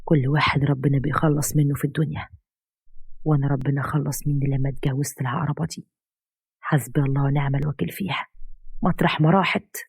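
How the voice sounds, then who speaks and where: A woman voicing a distraught young husband and father, shouting in despair. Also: deep voice, steady tone, fast, creaky, breathy edge, no room sound, exaggerated voice. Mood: bitter.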